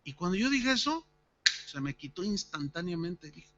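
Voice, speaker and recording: A pastor preaches at a church service, bringing a personal story to life by acting out its dialogue. His voice sits high and bright. The recording is a little dull, with a faint hum underneath. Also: sing-song, normal speed.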